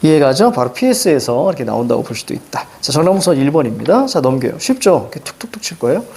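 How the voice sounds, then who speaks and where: A middle-aged man teaching a reading lesson, quizzing students with quick questions and a repeated "now". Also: fairly high pitch, very animated, darkish tone. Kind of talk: recorded lecture explaining a reading passage.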